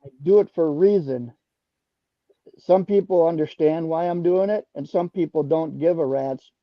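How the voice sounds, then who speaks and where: A man's voice: a little high, normal speed, no room sound. An older man from Wisconsin calling in over the phone to a talk stream, speaking in an earnest, plain-spoken way as a detecting club founder. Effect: heard over the phone. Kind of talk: casual call-in chat. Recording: dull dry phone audio.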